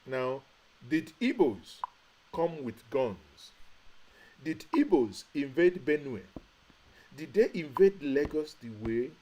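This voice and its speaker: Taking it slowly, a Nigerian live-stream commentator speaks with big pitch swings in a dark-toned voice on the high side, captured in low quality. He's impassioned and straining, repeats rhetorical questions, and says he's shouting and has a headache as an online host.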